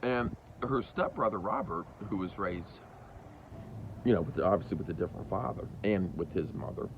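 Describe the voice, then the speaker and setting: Low gravelly man, animated storyteller. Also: normal speed. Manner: animated storyteller with big pitch jumps. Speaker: father telling his story. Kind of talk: candid personal monologue. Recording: dull lo-fi recording with faint hiss.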